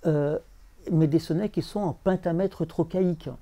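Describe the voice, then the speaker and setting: A man talking as a literary translator before an audience, halting, repeating words and chanting verse rhythms. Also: fairly high pitch, fairly even intonation, warm tone. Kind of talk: bookshop talk with audience.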